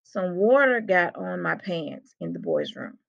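A woman's voice: fairly low pitch, sing-song, a little slow, gravelly, a bit bright, heavily acted. A nervous little schoolboy, read by a woman, answering meekly and hesitantly. It is a storybook reading on a muffled, lo-fi recording. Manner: meek, hesitant. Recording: dull lo-fi recording.

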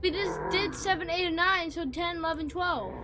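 A woman's voice: extremely high pitch, moderate pace, background noise. A young woman chatting casually beside a game stream. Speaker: streamer's child chatting along. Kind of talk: casual chat.

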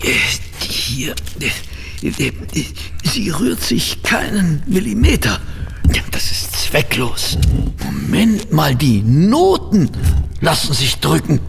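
Educated sceptical doctor, detective's sidekick, audio drama, lively intonation, echoing hall. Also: male voice, fairly high pitch, slow, vocal fry, background noise, full character voice. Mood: flustered. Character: sceptical, educated male doctor, detective's loyal companion and narrator. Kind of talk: German audio drama acting. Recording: long hall reverb.

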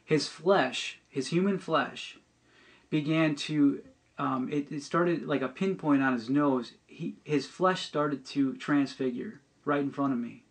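A middle-aged man telling a personal testimony on a podcast, earnest and halting, often restarting and repeating words. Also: on the high side, vocal fry.

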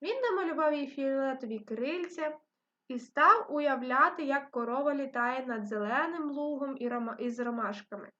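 A woman's voice: sits high, sharp tone. Patient woman teaching young children. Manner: patient, encouraging, slow and clear for small children. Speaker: primary school teacher. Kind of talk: reading-and-phonics lesson for young children. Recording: dull lo-fi recording.

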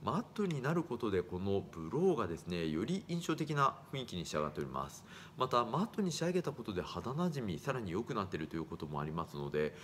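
A man's voice: fast talker, few pauses, a little hiss or hum. A man in his thirties, an eyewear shop worker, giving a formal, courteous product presentation into a phone camera in a small shop. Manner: formal, courteous, lively rises in pitch. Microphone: phone camera at arm's length.

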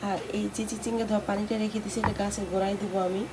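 A young woman with a hoarse voice, chatting casually to viewers as she cooks in her home kitchen. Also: mid-range voice, flat delivery, very fast. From Bangladesh. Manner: chatty, talks viewers through her cooking. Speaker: home vlogger. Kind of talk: casual cooking vlog chat. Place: home kitchen with open window. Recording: loud kitchen noise. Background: frying and sizzling in the pan.

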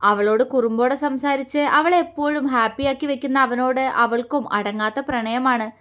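Woman storyteller, calm scripted narration, high voice. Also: moderate pace.

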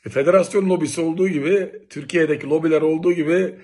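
A middle-aged man from Turkey telling old local stories in a lively, exclamatory, casual way. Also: on the high side, very fast. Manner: animated, exclamatory, lively storytelling. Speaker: local vlogger reminiscing. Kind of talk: casual nostalgic monologue.

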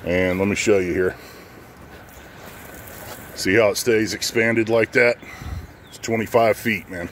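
Standing outdoors in a residential driveway, a middle-aged American pressure washing business owner and channel host records an unscripted how-to vlog on a phone at arm's length. He talks in an informal, plain-spoken way with a voice on the low side. Light background noise comes through the outdoor phone audio.

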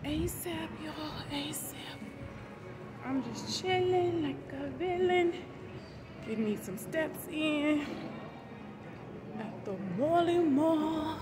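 A woman in her forties, her voice sitting high, vlogs on a phone held at arm's length as she strolls through a mall and then a parking lot. She talks slowly, chattily and slangily straight to the camera, with background music, traffic and wind around her.

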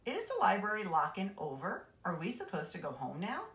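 A woman's voice: mid-range voice, huge pitch swings, fairly quick, fairly bright tone, voice pushed up. Brief: woman reader doing eager gamer kid, roomy echo. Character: curious, game-loving twelve-year-old boy.

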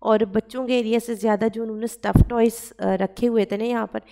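A woman's voice: on the high side, steady tone, a little fast, vocal fry, warm tone. A woman in her thirties with a Pakistani accent, narrating her own vlog in a chatty way, with many "uh" fillers and English words mixed in. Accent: Pakistani Urdu. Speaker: vlogger. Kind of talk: casual voice-over narration.

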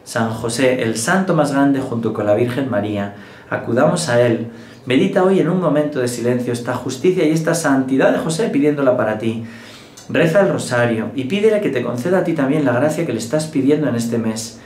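A man preaches a gentle daily sermon in an easy, conversational way. His mid-range voice carries some room echo. Faint ambient noise sits underneath. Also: medium pitch, lively intonation, a little fast. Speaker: priest. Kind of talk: daily devotional sermon with a told joke.

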